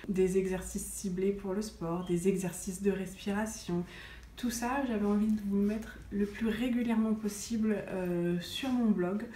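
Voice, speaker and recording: A woman's voice: mid-range voice, a little mellow. Woman vlogger rambling on about wellness, lots of ums, roomy echo. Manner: chatty, many hesitations. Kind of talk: casual chat to camera. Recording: roomy sound with faint noise.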